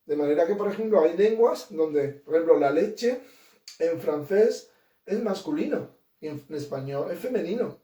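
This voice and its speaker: A man's voice: on the high side, lively intonation, normal speed, dark tone, distant mic. A man giving a grammar lesson, asking rhetorical questions and checking in with his students. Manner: explains with many examples and rhetorical questions; checks in with "¿vale?" and "¿de acuerdo?". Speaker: teacher. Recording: roomy, from away from the mic.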